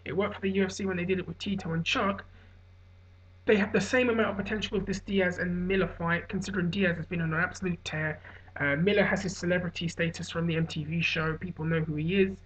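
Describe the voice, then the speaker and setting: Talking fast in a steady, mid-range voice, a hungover online MMA commentator offers off-the-cuff takes on fights, rambling and self-correcting. The recording sounds dull and lo-fi.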